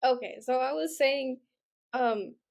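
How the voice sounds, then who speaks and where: A woman's voice: high voice, slow, gravelly. A woman co-hosting a podcast in casual chat, upbeat, often hesitating with "um" and "like". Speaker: podcast co-host.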